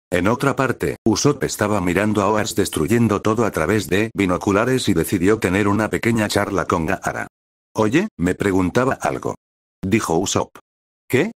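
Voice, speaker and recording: Low-voiced man reading a story. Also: no room sound, studio quality. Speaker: narrator. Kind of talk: scripted narration of a fan story.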